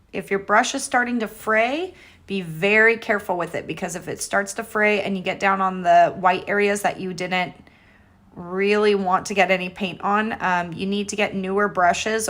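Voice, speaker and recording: A woman's voice: mid-range voice, steady tone, normal speed, a bit bright. A woman giving a casual, step-by-step painting tutorial as the instructor, chatty and informal, with an encouraging way of talking.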